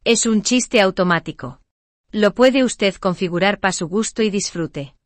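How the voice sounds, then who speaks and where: A woman's voice: medium pitch, unhurried, no room sound, lightly acted. A woman voicing a cheerful, clueless artificial voice assistant in a comic radio sketch, introducing herself politely and mock-formally.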